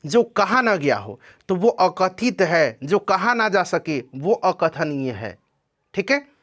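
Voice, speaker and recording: A man with a fairly high voice walks students through exam questions one at a time. He explains each answer patiently and keeps checking in with his listeners. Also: sing-song, slow pace, a bit bright. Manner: explanatory, repeats "ठीक है ना" to check in. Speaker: exam coaching teacher.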